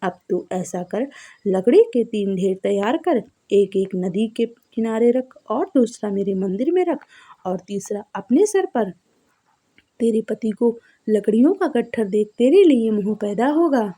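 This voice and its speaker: A woman reading a devotional story, voicing a kind and merciful mother goddess in a soft, husky way. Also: fairly high pitch, animated, unhurried. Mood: instructive. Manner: gentle, reassuring.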